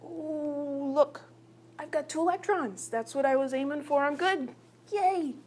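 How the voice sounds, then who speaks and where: A woman voicing a needy little hydrogen atom in a squeaky, pleading, childlike voice for a classroom lesson. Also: measured pace, darkish tone, slight background noise. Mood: delighted.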